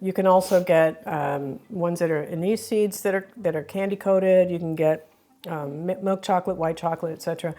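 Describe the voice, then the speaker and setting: A woman's voice: on the low side, fairly even intonation, moderate pace, dark tone. A woman hosting a food taste-test vlog, chatty and explaining each dish as she goes. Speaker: vlog host. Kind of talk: casual taste-test chat.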